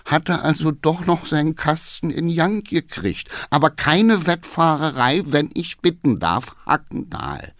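A man reading aloud voices an irritable old privy councillor who goes high and shrill when he scolds. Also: animated, unhurried, hardly any pauses, a bit bright, dry recording, clean studio sound. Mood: dismissive.

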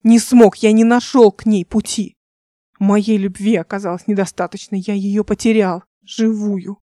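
A curt young male officer in a spoken audiobook, giving orders in a commanding tone, as a woman reader voices him. Dark, mellow voice, dry and close. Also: medium pitch, steady tone, moderate pace, dry recording, natural voice. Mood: despairing.

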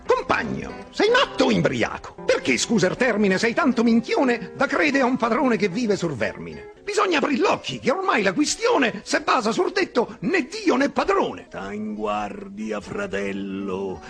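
Guy doing a verse fable, lively swooping voice, jumps between creature voices, music under it. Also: sits high, normal speed, few pauses, exaggerated voice. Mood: theatrical. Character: man reciting a spider-and-bug fable in verse. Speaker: actor reciting a dialect poem. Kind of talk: theatrical verse recitation.

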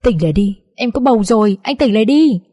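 Woman reader as tearful young wife, choked, begging, mellow voice lifted higher, storybook reading. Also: animated, quick pace. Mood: tearful, pleading. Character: young wife weeping and pleading with husband.

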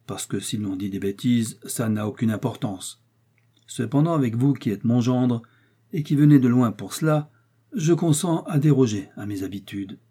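Voiced in a dark, husky tone, a man plays a shrewd old village mayor from Normandy, blunt and sure of himself. He lays down the law in a gruff, lecturing way. It sounds like an audiobook reading. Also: mid-range voice, close to an everyday voice.

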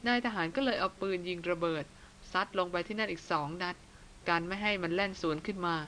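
A woman's voice: on the low side, a little fast, a bit bright, a little hiss or hum, natural voice. A woman voicing an old male jungle guide who grumbles and scolds, clicking his tongue. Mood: grumbling.

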